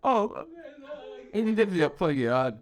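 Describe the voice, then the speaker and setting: A man's voice: high voice, moderate pace. Young man telling a story, slangy. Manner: animated storytelling, slangy and profane. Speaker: podcast co-host. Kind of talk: casual chat.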